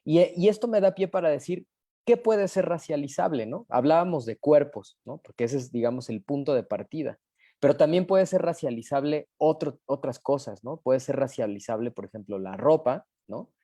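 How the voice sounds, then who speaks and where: A man's voice: fairly high pitch, animated, normal speed, mellow, dry recording, clean studio sound. A man with a Mexican accent explaining an idea in a live online talk, with many fillers and rhetorical questions. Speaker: panelist.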